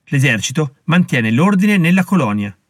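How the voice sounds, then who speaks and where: In an audiobook reading, a man puts on a stern, haughty colonial official who lectures and threatens with scorn. His voice for the role sits on the high side, above his own natural pitch, with a sing-song lilt and moderate pace. The recording is clean studio sound with no room echo.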